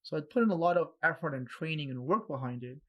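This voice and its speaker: A young man from Peru, a podcast guest, casually telling a story and acting out the voices of people he quotes. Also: quick pace. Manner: animated, acts out quoted voices with raised pitch.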